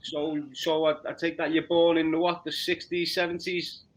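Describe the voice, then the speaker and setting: A man in his forties with a Liverpool accent, interviewing a guest with halting, repeated words. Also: fairly high pitch, flat delivery, a little hiss or hum. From Liverpool, England. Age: 40s. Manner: repeats words, stumbles into questions. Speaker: podcast interviewer. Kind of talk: casual interview.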